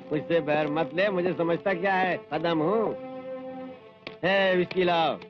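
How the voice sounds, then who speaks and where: A man's voice: a little high, slow. An actor dubbing a lecherous, boastful and cowardly man who swings between pompous sneering and whining pleas. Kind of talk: Hindi film dubbing. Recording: dull film soundtrack with music.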